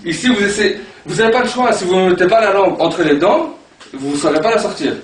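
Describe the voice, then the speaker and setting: A man teaching an Arabic pronunciation class, animated and repeating sounds aloud to demonstrate them. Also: high voice, quick pace. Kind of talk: classroom lesson. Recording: echoey room from far off, background noise.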